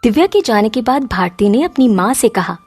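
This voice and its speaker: Woman telling a cartoon bedtime story, mellow warm tone, bit high. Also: expressive, normal speed, breathy edge, faint music behind. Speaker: narrator. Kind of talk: storybook narration.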